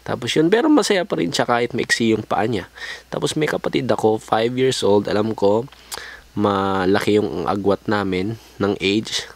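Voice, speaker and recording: A man's voice: fairly low pitch, creaky. A young man from the Philippines telling his life story over drawings in a crude, joking way, swearing a lot and slipping into English slang. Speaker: vlogger.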